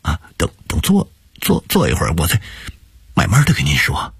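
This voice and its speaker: Grieving brother, halting and gentle, husky tone, dry close sound, a male storyteller voicing him. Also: sits low, wildly swooping pitch, dry recording, heavily acted. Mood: choked. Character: grieving middle-aged brother, tearful and gentle.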